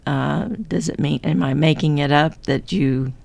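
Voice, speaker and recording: Low-voiced woman co-host, rambling chat. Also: steady tone, unhurried, creaky, a little mellow, no echo. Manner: rambling, self-correcting, laughs often. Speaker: podcast co-host; therapist or coach with clients. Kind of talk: casual chat.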